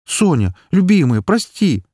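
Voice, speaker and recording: Male reader doing a remorseful young gambler, begging, raised pitch, husky. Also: very animated, unhurried, a little mellow, dry recording, studio quality, exaggerated voice. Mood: desperate begging. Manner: begging, nervous. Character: pleading, nervous young man, remorseful gambler. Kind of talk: audiobook dialogue.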